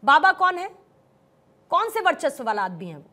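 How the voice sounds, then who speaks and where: A woman's voice: high voice, very animated, moderate pace, bright, forceful tone. A woman anchoring a heated televised debate, pressing guests and repeating her questions over them.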